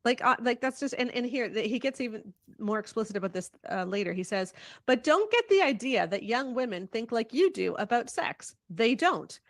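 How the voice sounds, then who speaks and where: A woman with a fairly high voice and very lively intonation, talking in a conversational discussion. The sound is dry and close. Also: normal speed, no echo. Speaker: discussion panelist.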